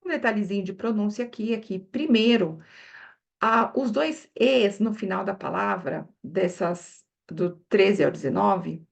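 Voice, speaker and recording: A woman teaching English pronunciation to Portuguese speakers. She models each number slowly, exaggerates her mouth movements and keeps checking in with the learner. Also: medium pitch, gravelly. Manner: models words one by one, asking learners "né?". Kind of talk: pronunciation lesson.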